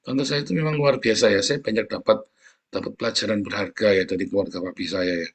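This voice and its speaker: A middle-aged male preacher with a husky, slightly breathy voice. He talks to his congregation in a loose, conversational way and brings his stories to life by acting out the people he quotes. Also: on the low side, fast talker. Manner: animated storytelling, acts out quoted voices, addresses congregation directly. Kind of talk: conversational sermon.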